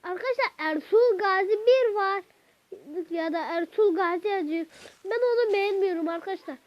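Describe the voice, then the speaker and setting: A woman hosting a gaming channel, chatting to her viewers while she plays, with sudden excited outbursts at the game. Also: very high-pitched, a little fast, no echo. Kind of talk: let's-play gameplay commentary. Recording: dull lo-fi recording.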